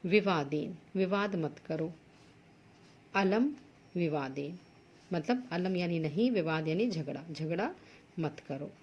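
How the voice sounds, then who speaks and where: A woman teaching a school Sanskrit lesson, reading each word aloud before explaining it in simple terms. Her voice is husky and sits a little low. She moves at an unhurried, deliberate pace. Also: lively intonation, a little mellow, muffled recording. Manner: reads each Sanskrit word, then explains it plainly in Hindi. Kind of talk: school lesson going through textbook exercises.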